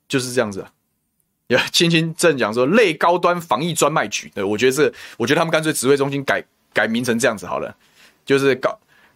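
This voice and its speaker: A man with a Taiwanese Mandarin accent hosts a political talk show, venting indignantly through heated commentary packed with rhetorical questions and name-calling. His voice is medium in pitch with a fairly bright tone.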